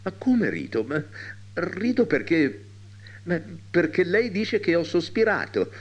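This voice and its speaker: Guy putting on a giggly flustered young maid, high squeaky voice, stammering. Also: big pitch swings, measured pace, heavily acted.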